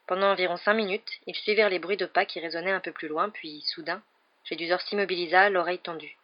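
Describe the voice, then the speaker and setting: A woman reading a chapter of a novel aloud in a steady, even storytelling voice. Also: lowish voice, fast, lo-fi sound. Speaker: audiobook reader.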